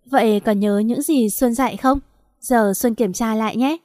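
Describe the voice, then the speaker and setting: A woman's voice: on the high side, moderate pace, darkish tone, no room sound, natural voice. A woman voicing a young wife who speaks in a patient, coaxing way, in a dry-sounding audiobook.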